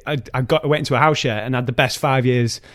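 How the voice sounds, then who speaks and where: A man's voice: mid-range voice, fast, no echo. Chatty man in his thirties, dry sound. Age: 30s. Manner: chatty, rambling, animated retelling. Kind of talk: casual podcast chat.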